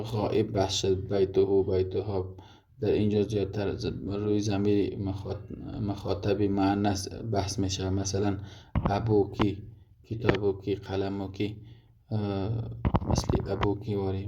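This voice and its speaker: In this recorded summary of a grammar lesson, a man with a deep, warm voice teaches Arabic methodically, piling up examples and frequently starting over. The recording is dull, lo-fi, and noticeably noisy.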